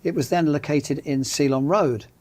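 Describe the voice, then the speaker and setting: A man's voice: fairly high pitch, moderate pace, darkish tone. Genial older Englishman telling stories. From England. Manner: genial storyteller, dry humor. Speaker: guest, magazine founder and journalist. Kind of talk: casual interview chat. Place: studio.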